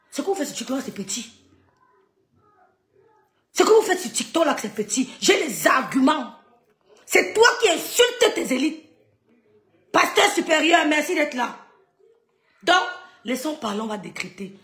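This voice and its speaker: A woman's voice: high-pitched, a bit bright, reverberant. A woman hosting a social media live stream, talking in an emphatic, repetitive, scolding way. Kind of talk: heated live-stream rant.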